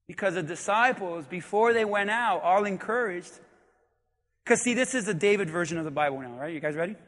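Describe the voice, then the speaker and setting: A male pastor delivers a sermon in a church. His voice sits very high and he preaches with animated, shouting emphasis. The sound rings with long reverb from the hall. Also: fairly quick. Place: church sanctuary.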